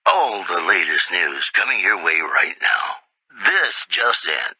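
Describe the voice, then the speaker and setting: A suave, folksy newsman on an old-time radio show in a post-apocalyptic game. His lowish voice is very bright and forward, with a slight husk, close and dry. He delivers each item as a wry, smooth-talking showman speaking intimately to the listener. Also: expressive, takes it slowly, no echo, heavily acted, rough recording. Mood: folksy, playful. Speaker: radio news presenter. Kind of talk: old-time radio newscast with casino sponsor plugs.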